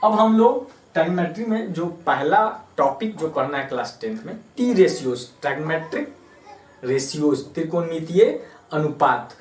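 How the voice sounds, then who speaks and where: A fairly high-voiced man teaches a maths class, patient and repetitive, spelling terms out letter by letter. His voice comes from some distance away, bouncing around a hard-walled room with a faint hum of ambience. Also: lively intonation, moderate pace, echoey room. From Bihar, India. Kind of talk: classroom lesson explaining at a board.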